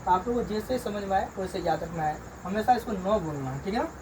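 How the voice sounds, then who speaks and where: A man, a teacher slowly drilling beginners through letters and sounds in a reading lesson, repeating each one. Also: sits high, expressive. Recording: distant mic, loud crickets and traffic.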